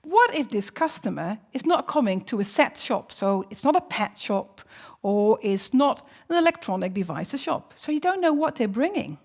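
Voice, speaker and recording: A woman's voice: fairly high pitch, sing-song, moderate pace, darkish tone. A woman who is a non-native English speaker presents teaching tips as a teacher, in an encouraging manner with frequent rhetorical questions. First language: not English.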